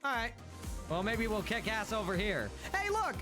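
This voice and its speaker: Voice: medium pitch, huge pitch swings, normal speed, sharp tone, faint music behind. A game streamer who reads the story aloud and gives casual commentary on it.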